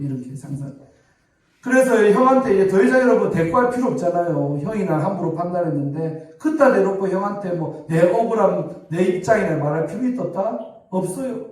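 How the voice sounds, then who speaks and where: A middle-aged pastor with a Gyeongsang accent, preaching a sermon in a conversational storytelling way and acting out quoted dialogue. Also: male voice, a little high, darkish tone, distant mic. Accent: Gyeongsang Korean. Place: church sanctuary. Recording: echoey church hall from afar.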